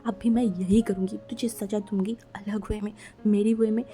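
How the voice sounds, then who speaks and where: A woman voicing a furious, possessive young man who bursts out in anguished shouting at his lover in a fan-fiction audio story. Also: mid-range voice, little pitch movement, normal speed, faint music behind, lightly acted. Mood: menacing.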